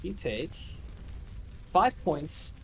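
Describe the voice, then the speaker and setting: A man's voice: on the high side, big pitch swings, drawn-out words, gravelly, a bit bright. Guy running a tabletop game, describing the fight and explaining the rules, bit of faint noise behind him. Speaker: game master.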